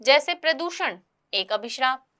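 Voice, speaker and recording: A woman teacher giving a grammar lesson to children, explaining patiently and reading examples out slowly. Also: high voice, animated, sharp tone.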